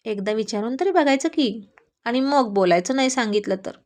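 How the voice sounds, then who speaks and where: A woman's voice: a little high, animated, normal speed, a little mellow, lightly acted. A woman voicing a bold, talkative young village woman who teases and chatters. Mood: pleading.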